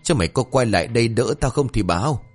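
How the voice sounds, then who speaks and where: A man voicing a cranky old master who has choked on smoke and shouts curses at his apprentices. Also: mid-range voice, animated, quick pace, faint music behind. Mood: angry, scolding. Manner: gruff, scolding, shouting.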